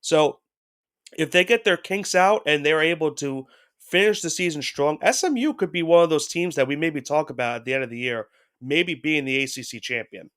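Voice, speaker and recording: With a fairly high, bright, clear, resonant voice, a man co-hosts a sports podcast at a moderate pace despite a head cold. He speaks loosely and casually, hedging and restarting often as he rambles.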